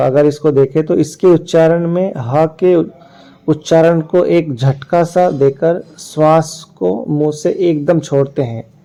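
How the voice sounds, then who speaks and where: A middle-aged man teaching a grammar lesson slowly, pausing on fillers and sounding out letters one at a time. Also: on the high side, mellow, poor audio. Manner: halting, many "a" fillers, spells out sounds one by one. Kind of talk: slow explanatory lesson.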